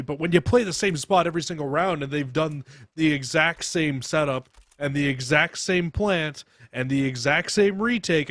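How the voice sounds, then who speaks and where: A man's voice: fairly high pitch, a bit bright, no echo. A man giving live esports commentary and analysis as a caster, emphatic and opinionated, stressing points by repetition.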